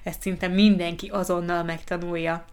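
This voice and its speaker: A woman hosting a language-learning podcast, chatting casually and reading a listener's letter aloud in a calm, clear, measured way. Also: on the low side. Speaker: podcast host for Hungarian learners.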